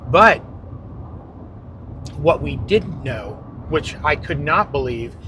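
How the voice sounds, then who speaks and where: A man's voice: a little high, expressive, slow, pushed and bright. A man hosting a casual podcast product review from inside a car, on a wireless microphone. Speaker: podcast host. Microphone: wireless clip-on microphone. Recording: noisy vehicle interior.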